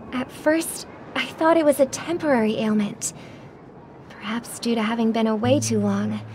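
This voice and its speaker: An actress voicing a graceful young singer, speaking softly and earnestly in a video game. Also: female voice, sits high. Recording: game audio with music behind.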